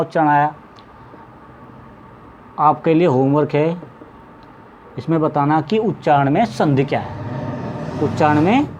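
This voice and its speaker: A male Hindi teacher with a slightly high, mellow voice gives a lesson, drawing out vowel sounds as examples and repeatedly saying "ठीक है" to check in. He coughs now and then, and the audio is slightly dull and lo-fi with faint background noise.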